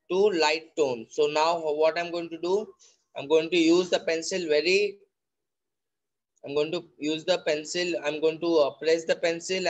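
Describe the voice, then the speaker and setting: A male art teacher with an Indian accent walks his online class through a pencil drawing, one careful step at a time. He speaks very slowly, going over each point twice and switching between English and Hindi. His voice sits a little high for a man. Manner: slow, repetitive step-by-step explaining, mixing English and Hindi.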